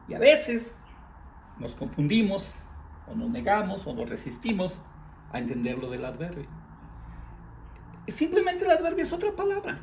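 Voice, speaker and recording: Male teacher, gravelly voice, patient step-by-step drill delivery, faint background noise. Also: a little high, roomy sound, poor audio. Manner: patiently drills verb forms one by one; explains step by step to a student. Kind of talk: language lesson.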